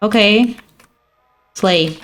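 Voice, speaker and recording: A woman's voice: mid-range voice, extremely slow, fairly bright tone, soft background music. A woman streamer giving playful, mock-dramatic commentary as she plays a game and argues with a character on screen. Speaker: gaming streamer. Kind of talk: let's play commentary.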